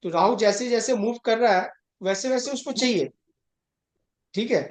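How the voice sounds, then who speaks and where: At normal speed and in a very high-pitched voice, a man teaches astrology conversationally. He is emphatic, keeps checking whether students follow, and mixes English terms into Hindi, recorded with a roomy echo.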